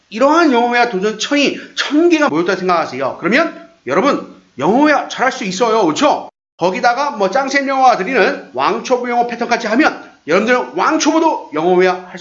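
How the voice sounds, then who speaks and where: A Korean man with a high, lively voice runs an upbeat English lesson and drills each phrase slowly again and again. His voice rings in a roomy space. The sound is a little dull. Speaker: English teacher.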